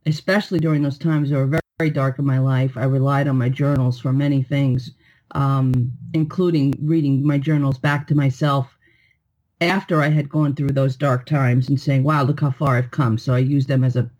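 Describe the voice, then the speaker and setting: A woman's voice: rumbling low, steady tone, normal speed, darkish tone. A woman from New York, a poet, answering interview questions in a reflective, friendly way. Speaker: poet and author, guest.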